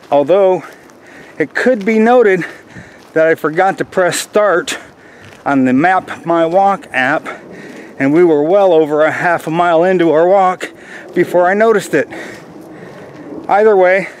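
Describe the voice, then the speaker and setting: A middle-aged American man chatting casually to viewers in an unhurried way while walking outdoors, recorded on a built-in microphone with wind noise. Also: sits high. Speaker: hiking vlogger. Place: outdoors in a windy wooded park. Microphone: camera's built-in microphone while walking. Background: wind, faint outdoor noise.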